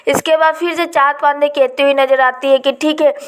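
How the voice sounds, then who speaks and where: High, flat-voiced woman narrating gossip. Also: brisk. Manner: steady, even narration that retells other people's talk. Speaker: entertainment update presenter. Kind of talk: reality-show gossip update narration.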